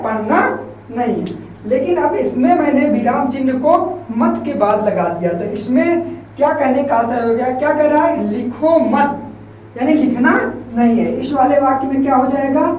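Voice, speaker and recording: A man teaching a Hindi grammar class, asking questions and answering them himself, repeating key terms slowly as he writes. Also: very high-pitched, dark tone. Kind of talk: classroom lecture explaining at a board. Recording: very echoey room, mic far off, faint background hiss.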